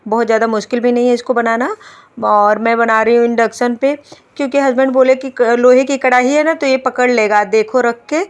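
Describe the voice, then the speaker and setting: A woman in her thirties narrating her home vlog in a chatty, homely way, talking to viewers as friends. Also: fairly high pitch. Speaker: vlogger, homemaker. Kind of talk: casual voice-over home vlog.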